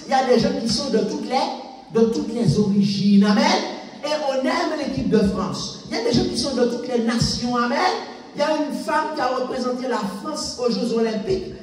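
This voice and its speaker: Male preacher, very high voice, emphatic call-and-response style, recorded from afar in a reverberant church. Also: normal speed, a little mellow, far from the mic, soft background music. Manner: rhetorical questions, repeated amens, emphatic. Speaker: pastor. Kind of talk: sermon. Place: large echoey church hall. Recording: echoey hall, voice picked up from afar.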